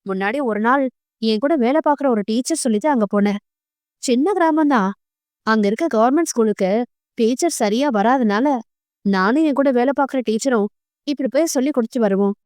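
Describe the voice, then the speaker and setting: Narrator playing a fierce young teacher, light bright voice, quick and earnest. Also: female voice, on the high side, no echo, clean studio sound, close to an everyday voice. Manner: quick and earnest, sharp when angered.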